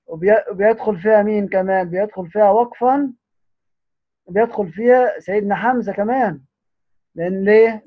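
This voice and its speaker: A man with an Egyptian accent teaching the Quranic readings. He draws the recited words out slowly, then explains in quick speech full of restarts. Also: high voice. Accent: Egyptian Arabic. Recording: tinny phone-like audio.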